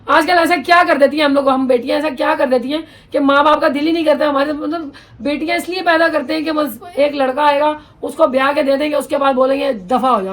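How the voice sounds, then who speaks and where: A woman, chatting bluntly and readily as she reads viewer comments in a home vlog. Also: sits high. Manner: talkative, blunt, quick-tongued. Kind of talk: casual chat.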